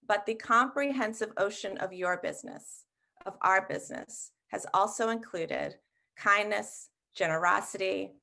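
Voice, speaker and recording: A woman who heads a school giving a measured assembly address, listing each grade in turn, speaking from home. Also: medium pitch, gravelly. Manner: measured, warm listing to students. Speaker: head of school.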